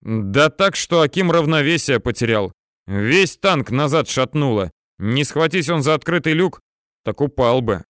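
A man's voice: medium pitch, expressive, unhurried, a bit bright, smooth, no room sound, studio quality. Man narrating a tense war audiobook.

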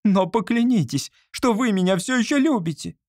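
A man reading an audiobook voices a young woman who pleads and sobs at her lover, his voice pushed up high into frantic outbursts. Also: big pitch swings, moderate pace, darkish tone, no room sound, clean studio sound. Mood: tearful. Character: tearful, clinging young woman, a painter's lover.

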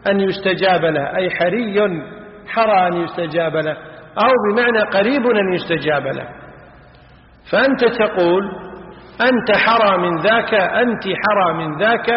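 High-voiced man teaching grammar in an echoey hall. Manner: drills examples, quizzing students with questions. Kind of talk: classical Arabic grammar lesson. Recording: echoey hall, dull lo-fi sound.

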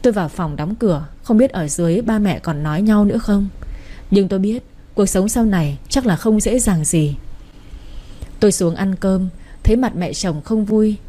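A woman's voice: mid-range voice, normal speed, warm tone. A woman reading a romance story aloud and voicing all the characters herself. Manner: reads every character in her own voice, with little change. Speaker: story narrator.

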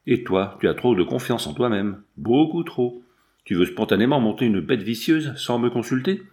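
A man's voice: medium pitch, expressive, normal speed, a little mellow, natural voice. A man doing a stern old general. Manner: stern and agitated.

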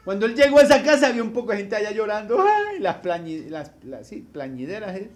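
A man preaching a sermon as a pastor, speaking to his listeners directly, repeating his points and swinging from loud bursts to quiet asides. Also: high voice, big pitch swings, quick pace. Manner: repetitive, addresses listeners directly as brother.

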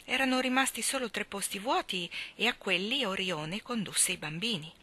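A woman reading a children's novel aloud, expressive and shifting between character voices. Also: medium pitch, moderate pace. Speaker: audiobook reader. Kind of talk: storybook reading.

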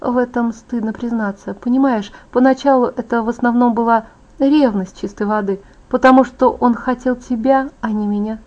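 A proud young vampire woman from an audiobook, vain and quietly bitter, voiced by a woman narrator. She speaks softly and confidingly, in a slightly high voice. The recording sounds dull and lo-fi. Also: steady tone, moderate pace, lightly acted.

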